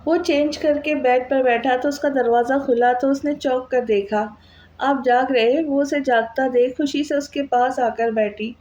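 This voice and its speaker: A woman narrating a romance novel as an audiobook in an even storytelling manner. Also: high-pitched, moderate pace, few pauses, lo-fi sound.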